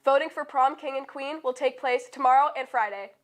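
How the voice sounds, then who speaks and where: A teenage female student co-announcer reading scripted high school announcements. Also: fairly quick.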